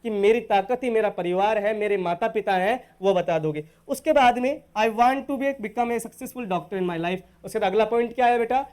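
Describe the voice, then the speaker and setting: Patient high-voiced male English teacher. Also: a little mellow, smooth. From Rajasthan, India. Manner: patient, calls students "beta", says English model phrases slowly. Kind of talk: recorded online lesson.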